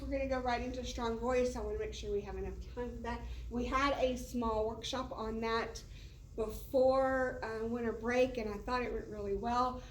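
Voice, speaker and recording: A woman teacher with a fairly high voice chats casually with colleagues in a meeting room for a professional development talk, loose and full of fillers. The recording has a roomy echo, sounds distant, and carries a little hiss or hum.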